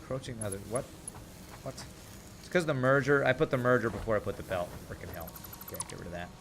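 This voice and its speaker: A man with a medium-pitched voice talks fast over background noise, casually narrating gameplay for his gaming channel. He has a slight Texas twang, having been raised in Texas from age nine though he's from California, and he mumbles asides while thinking aloud.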